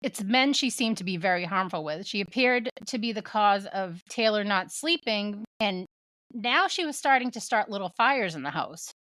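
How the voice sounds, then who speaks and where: A woman's voice: mid-range voice, lively intonation, normal speed, a bit bright, no room sound. A woman co-hosting a podcast, telling a true ghost story in casual chat, laughing often and voicing the people she quotes. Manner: laughing, retells with voiced quotes. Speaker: podcast co-host.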